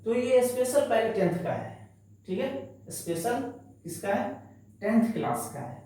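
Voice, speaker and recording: A male teacher talks his class through a lesson in a chatty, reassuring way, saying key words again and again. His voice is mellow and a little high. It rings around a very echoey classroom and comes from some way off the mic. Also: sing-song, unhurried. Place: echoey classroom, writing on a board. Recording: very echoey room, voice from a distance.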